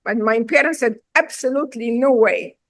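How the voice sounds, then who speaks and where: A woman's voice: a little high, normal speed, no echo. A middle-aged woman from Syria with a Syrian accent, a chef and restaurant owner telling her story in a casual interview, emphatic and direct.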